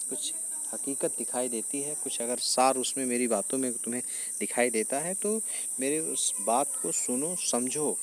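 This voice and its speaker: Man explaining poetry with slow recitations. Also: mid-range voice, a little mellow, slight background noise. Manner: recites verse lines slowly, then paraphrases them with frequent fillers and repetition. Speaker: teacher explaining Hindi poetry. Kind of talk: explanatory lecture on a poem.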